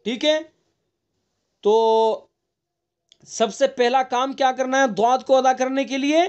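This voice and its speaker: A man's voice: extremely high pitch, fairly even intonation, smooth, lo-fi sound. A man teaching an online Quran recitation lesson, explaining patiently, repeating points and demonstrating letter sounds. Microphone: online class recording.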